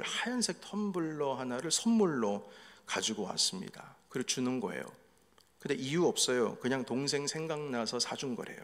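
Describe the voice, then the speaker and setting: A middle-aged man preaching a sermon as pastor, telling family stories and acting out what was said. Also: mid-range voice. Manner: storytelling, acting out family quotes. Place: church sanctuary. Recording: echoey hall reverb.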